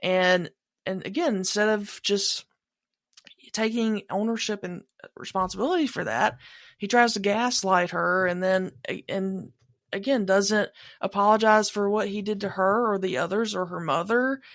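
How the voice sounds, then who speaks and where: A woman's voice: mid-range voice, normal speed, no room sound, clean studio sound. A woman co-hosting a fan podcast, talking in a rambling, casual way with many fillers and restarts. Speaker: podcast co-host.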